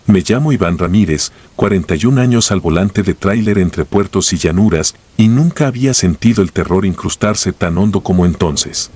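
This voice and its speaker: A man reading a first-person horror story in a slow, grave storytelling manner. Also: deep voice, a little mellow, breathy edge.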